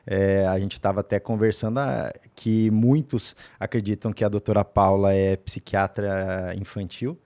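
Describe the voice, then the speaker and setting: A man's voice: fairly low pitch, fairly even intonation, measured pace, hardly any pauses, a little mellow. A man hosting a podcast, asking questions hesitantly with many fillers. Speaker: podcast host. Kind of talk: casual interview questions.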